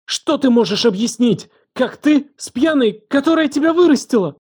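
Man playing a betrayed young woman, trembling, shouting, audiobook drama, dry close sound. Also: medium pitch, lively intonation, normal speed, slightly rough, no room sound. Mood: furious. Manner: trembling, shouting and hissing in turn. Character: distraught furious young woman, betrayed guardian.

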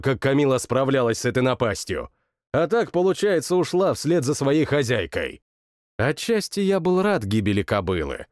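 Expressive male audiobook narrator. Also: mid-range voice, dry recording, clean studio sound. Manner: dramatic, expressive. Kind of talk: first-person fantasy audiobook narration.

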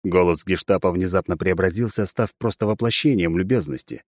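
A man narrating an audiobook in an even, measured way. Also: deep voice, dry recording, clean studio sound.

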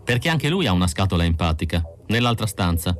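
A man's voice: deep voice, very animated, quick pace, slight background noise. A man voicing a cool, detached android woman.

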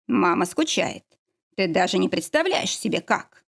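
A woman's voice: on the low side, sing-song, measured pace, vocal fry, heavily acted. A woman reading the lines of a firm, protective father in an audiobook, in a blunt and reassuring way.

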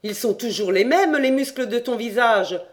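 List: man putting on a high-pitched, loud young man, panicky, boastful, rapid agitated outbursts, storybook reading. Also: animated. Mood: mocking.

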